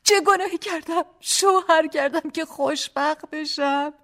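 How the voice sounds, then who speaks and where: A woman voicing a tearful young wife. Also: fairly bright tone. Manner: high, tearful, reproachful pleading. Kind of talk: audiobook character voice.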